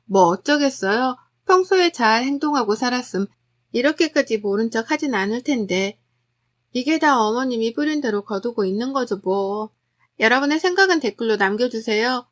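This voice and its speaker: A woman's voice: on the high side, animated, moderate pace. A woman telling a first-person family story as scripted narration, in a chatty, gossipy confessional way.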